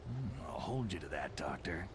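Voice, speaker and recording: A hardened video game soldier. His voice is very deep, with a dry, wry turn to it. Clear noise runs behind the speech. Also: big pitch swings, normal speed.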